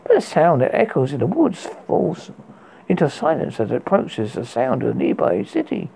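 A man in the manner of a horror host, reading a scary story with a halting, stumbling delivery and a husky, gravelly voice. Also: fairly high pitch, wildly swooping pitch, dark tone, slight background noise, low-quality recording.

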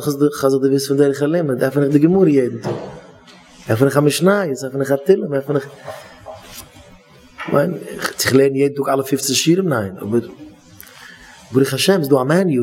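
A man's voice: fairly high pitch, brisk, long pauses, darkish tone, a little hiss or hum. Rambling man giving a Yiddish sermon. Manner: rambling, repeats himself, searches for words. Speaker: rabbi giving a talk.

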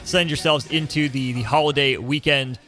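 A man hosting a radio sports show, running a trivia game with quick, playful banter. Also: mid-range voice, steady tone, fairly bright tone, soft background music.

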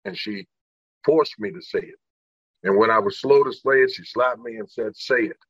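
A man's voice: on the low side, moderate pace, slightly rough, dry recording, lo-fi sound. A middle-aged man from Indiana, a guest telling his life story earnestly and acting out the people in it. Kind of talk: personal storytelling in an interview.

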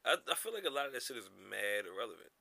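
A man's voice: medium pitch, sing-song, racing, gravelly, crowd noise. A man in casual group banter, ribbing in a brash, opinionated and contrary way with heavy profanity.

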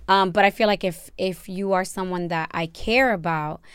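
A woman's voice: lowish voice, normal speed, smooth, no room sound. A young woman co-hosting a podcast, talking candidly and bluntly in casual chat, often laughing. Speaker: podcast co-host.

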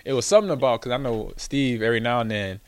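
Casual chat from a show host who once played football: his mid-range voice moves at a quick pace on a dry recording, and his wandering story is loaded with fillers and laughter.

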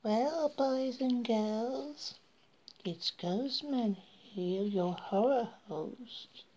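A woman's voice: on the high side, drawn-out words, mellow, lo-fi sound, a little hiss or hum. A woman playing a creepy, theatrical horror host who introduces old scary films in a spooky, menacing, whispery manner. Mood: playfully menacing.

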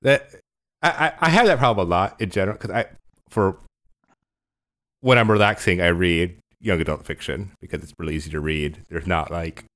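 A man's voice: deep voice, moderate pace, fairly bright tone. A man co-hosting a podcast, talking casually and easygoing about books and shows. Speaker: podcast co-host. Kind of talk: casual chat.

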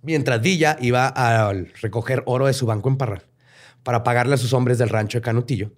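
A man's voice: medium pitch, steady tone, brisk. A man with a Mexican accent, hosting a podcast and telling a history story casually, full of slang, swearing and jokey asides. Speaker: podcast host narrating history.

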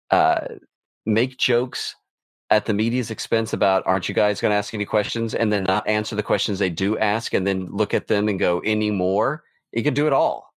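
Middle-aged male co-host, low voice, dry close sound, casual and stammering. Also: dry recording. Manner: restarts often, with playful laughter. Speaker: podcast co-host. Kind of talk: casual sports chat.

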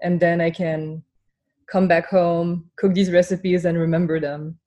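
A woman chef in her thirties from Singapore, talking reflectively in an interview with frequent pauses and fillers. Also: lowish voice, level tone, dark tone, lo-fi sound. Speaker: chef and guest. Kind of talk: casual interview.

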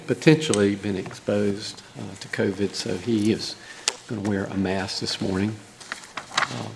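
Slow, gravelly male presiding judge, noisy recording. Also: fairly low pitch. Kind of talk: formal court announcements. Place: courtroom. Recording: clearly noisy courtroom audio.

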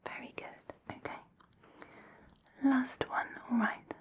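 Softly whispering woman, slow and soothing. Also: muffled recording. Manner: soft, slow, reassuring instructions. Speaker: ASMR roleplay hearing examiner. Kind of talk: whispered ASMR roleplay.

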